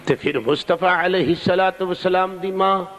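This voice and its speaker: A middle-aged man preaching an emotional sermon, his delivery impassioned and swinging between rises and long, drawn-out cries. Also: high-pitched, a bit bright, rough recording. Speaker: religious preacher.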